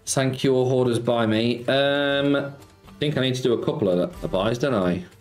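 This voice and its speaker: Chatty streamer, echoey room. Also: male voice, medium pitch, moderate pace. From Nottingham, England. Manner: chatty, reads viewer messages aloud and greets them, cheeky banter. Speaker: slots streamer. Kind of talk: casual live-stream chat. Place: home streaming room, indoors. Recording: echoey room, faint background music.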